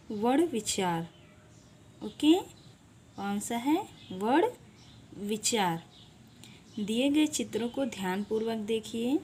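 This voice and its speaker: Slow, patient woman teacher. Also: mid-range voice, dark tone, slight background noise. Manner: asks the class questions and answers them herself; slow, repeats key words, stretches syllables apart. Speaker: online primary school teacher. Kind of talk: teaching a Hindi lesson to children.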